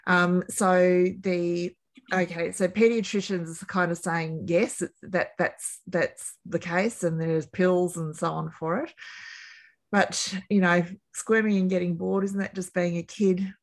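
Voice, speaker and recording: Woman host, encouraging and casual, slightly low voice, relays a viewer question. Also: level tone, unhurried. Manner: warm encouraging backchannel, paraphrases questions. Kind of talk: casual interview hosting.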